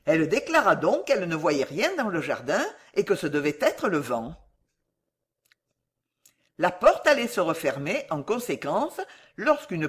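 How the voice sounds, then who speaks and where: Woman audiobook narrator, husky tone, expressive storytelling reads. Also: on the low side. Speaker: audiobook reader. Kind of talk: scripted narration of a classic novel.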